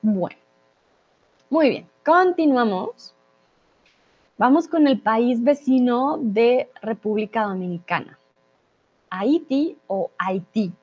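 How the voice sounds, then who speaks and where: Friendly Colombian-born Spanish teacher, dull sound. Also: female voice, a little high, a little mellow. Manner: friendly, explains slowly and stresses key words. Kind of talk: live online class, reading out viewer comments. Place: Mexico.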